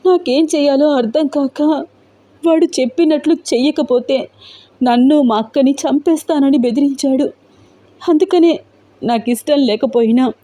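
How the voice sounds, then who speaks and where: A woman's voice: mid-range voice, warm tone, close to an everyday voice. A woman voicing a frightened but resolute young woman who explains herself earnestly in a storybook tale.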